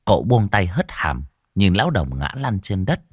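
A man narrating an audiobook story in an expressive storytelling manner. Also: sits low, moderate pace, slightly rough, no echo, clean studio sound.

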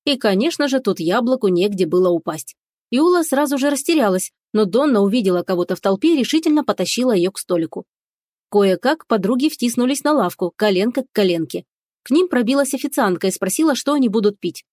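A woman narrating a fantasy audiobook in a steady storytelling manner. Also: fairly high pitch, fast talker, no room sound, clean studio sound.

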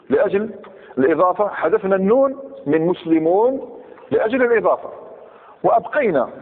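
A man's voice: on the high side, husky. A man teaching grammar to a class, quizzing the students and repeating examples. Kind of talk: classroom lecture. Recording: tinny phone-like recording.

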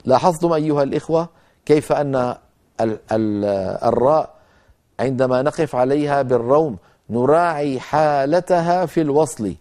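A man teaching a tajweed lesson, explaining rules step by step and slowly chanting recited examples. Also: a little high, darkish tone.

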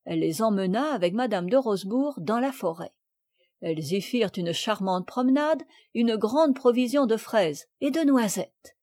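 A woman reading a classic children's novel aloud in measured, clear scripted narration. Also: a little high, expressive, mellow, dry recording, studio quality. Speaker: audiobook reader.

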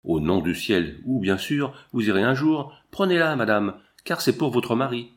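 A man's voice: medium pitch, animated, normal speed, lightly acted. A man voicing an older, emotional immigrant wife who talks in a pleading, folksy way while reading a storybook aloud.

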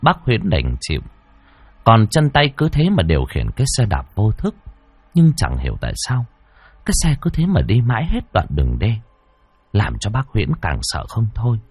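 A man narrating a spooky folk tale in a dramatic, expressive way. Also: fairly low pitch, moderate pace, breathy edge, no echo. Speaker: storyteller.

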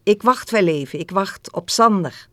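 A woman's voice: mid-range voice, animated, normal speed, a bit bright, no echo, lightly acted. A woman reading as a cheerful young woman.

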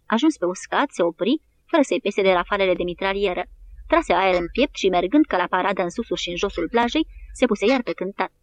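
A woman narrating an audiobook in a steady, even reading style. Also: medium pitch. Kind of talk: scripted narration.

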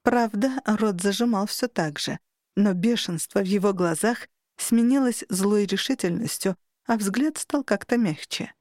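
A woman narrates a fantasy audiobook in the first person, in an expressive, even telling. Her voice sits at a middle pitch, and the recording is dry, with no room echo. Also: unhurried.

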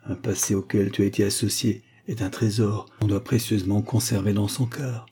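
A man's voice: fairly low pitch, steady tone, fairly quick, warm tone, breathy edge. A man voicing an impulsive young Venetian captain in an audiobook reading, with a fervent, emotional delivery. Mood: ardent.

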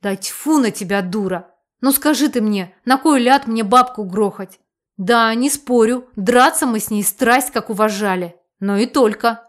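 Woman doing a fiery village shop lady, loud and defensive, highish voice, audiobook. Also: a little slow, natural voice. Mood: indignant. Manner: shouting, indignant. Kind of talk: audiobook character voice.

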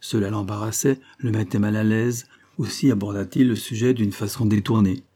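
A man reading a literary short story aloud in a measured narrating voice. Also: lowish voice, steady tone, warm tone.

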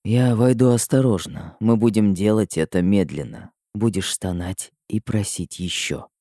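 A woman voicing an arrogant ancient male dragon in an audiobook, whispering low and seductive, then shouting in anger. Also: very animated, normal speed, dry recording, clean studio sound. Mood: husky seductive. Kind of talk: audiobook character voice.

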